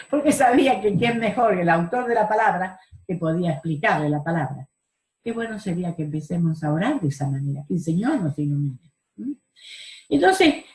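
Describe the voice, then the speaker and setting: A woman's voice: mid-range voice, a little mellow, roomy sound, rough recording. A woman teaching a Bible study class over a video call, explaining verses and asking the group questions. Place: home room on a video call.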